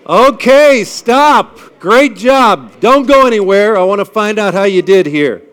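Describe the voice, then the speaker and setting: A Midwestern American event speaker leads a live audience through an icebreaker, his big, resonant, projected voice amplified on a microphone and pitched a bit high for a man. He talks a little slowly and clearly, rallying the group with upbeat, chatty energy. He keeps checking that they're with him through frequent "all right?" asks.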